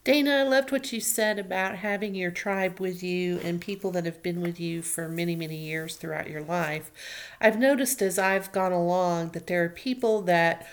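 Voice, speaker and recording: A woman's voice: on the low side, normal speed. A woman who turned fifty, hosting a casual conversation and talking thoughtfully in long, flowing sentences. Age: 50s.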